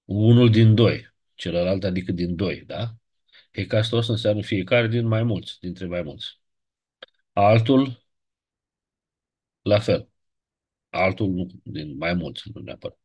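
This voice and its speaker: A man's voice: fairly low pitch, animated, vocal fry, long pauses, darkish tone, husky. A man teaching a grammar lesson, patiently reciting word forms step by step and checking in with short questions. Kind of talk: ancient Greek grammar lesson.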